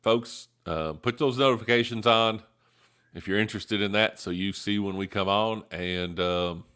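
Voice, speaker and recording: A man co-hosting a casual live review show, rambling with lots of fillers and quick bursts of laughter. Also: on the low side, a bit bright, clean tone. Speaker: co-host of a soda review show.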